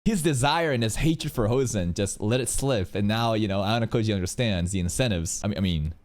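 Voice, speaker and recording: A man's voice: on the low side, brisk, a little mellow. A young man giving casual anime reaction commentary in a slangy, sweary manner.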